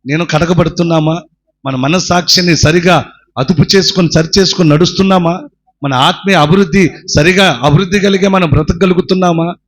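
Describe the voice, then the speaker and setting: A man's voice: high-pitched, fairly even intonation, fairly quick, slight background noise. A man preaching a sermon, telling a story dramatically and crying out the pleas of its characters. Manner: dramatic storytelling, acting out voices and shouting pleas.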